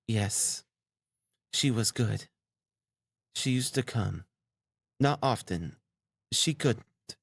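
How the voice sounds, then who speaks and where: A man's voice: medium pitch, lively intonation, very slow, vocal fry, pauses often, slightly rough, pitched above the performer's own voice, full character voice. A man voicing a timid young woman who stammers and speaks breathlessly, raised well above his own voice. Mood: tender.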